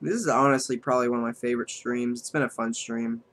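A man at a mid-range pitch streams a card game live. He thinks his moves through aloud and counts up the damage number by number as he plays. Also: steady tone, fast talker, fairly bright tone. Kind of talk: live gameplay commentary.

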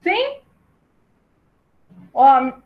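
A woman's voice: sits high, sing-song, narrow, tinny audio. A woman teacher, patiently leading young children through syllables in an online class. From southern Brazil. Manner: patient, spells out syllables slowly, calls pupils "my love". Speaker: primary school teacher.

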